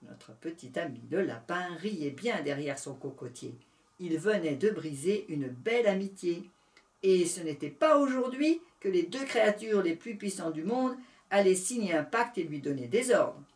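A woman reading a children's animal fable aloud, animated and expressive. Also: lowish voice, moderate pace, recorded from a distance. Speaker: storyteller. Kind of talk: storybook reading.

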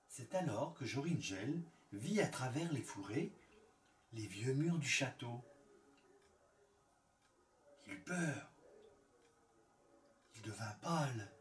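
A male storyteller reading a fairy tale in a calm, measured way with lingering pauses. He speaks slowly. The recording is roomy, and he sits well back from the mic. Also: on the high side. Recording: echoey room, far from the mic.

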